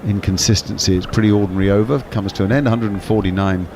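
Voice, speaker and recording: Deep-voiced man calling cricket. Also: steady tone, background noise. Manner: measured, explanatory, with small restarts. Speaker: cricket commentator on a watchalong. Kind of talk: ball-by-ball commentary.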